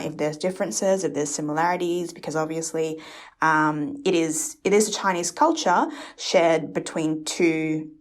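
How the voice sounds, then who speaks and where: Low-voiced rambling woman podcast host. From Indonesia. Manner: rambling, hesitant, with frequent "um" fillers. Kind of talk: casual podcast chat.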